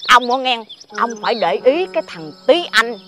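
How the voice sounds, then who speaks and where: In a TV folk-tale drama, an actress plays a chatty village busybody who sells sticky rice cakes, and she is gossipy, exclamatory and insistent. Her voice is on the high side, sing-song and a bit bright, at a moderate pace, with a little hiss or hum.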